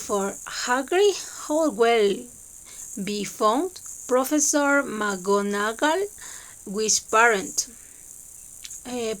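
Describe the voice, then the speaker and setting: A woman whose first language is Spanish, reading a novel aloud in a halting, hesitant way with many fillers. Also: on the high side, poor audio. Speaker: reader.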